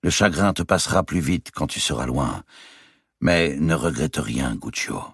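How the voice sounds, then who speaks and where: Male reader as a wise old uncle and banker in an audiobook, slow and calm, very deep and gravelly. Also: no room sound, studio quality, full character voice. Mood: fatherly. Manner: measured and unhurried. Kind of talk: audiobook character reading.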